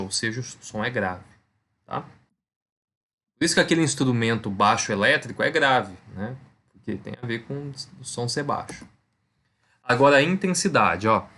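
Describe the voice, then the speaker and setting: A man's voice: medium pitch, pushed and bright. Man teaching a physics lesson. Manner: conversational, checks in with "tá?" and "né?"; explains step by step, repeats key points. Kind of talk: recorded online lesson over slides.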